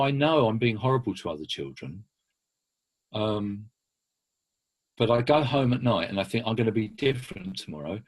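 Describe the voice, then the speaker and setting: A man's voice: on the low side, husky. A man giving an informal talk over a video call, conversational and anecdotal, with frequent restarts. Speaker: speaker working with children.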